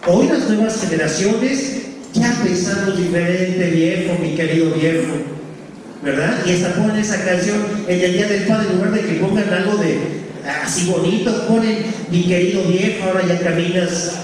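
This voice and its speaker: A male pastor preaches with emphasis to young people, his voice sitting high. He is heard from a distance, in a church hall with a long, booming echo. A faint ambience runs underneath. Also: normal speed, darkish tone, a little hiss or hum. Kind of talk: sermon to youth. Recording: echoey hall from far off.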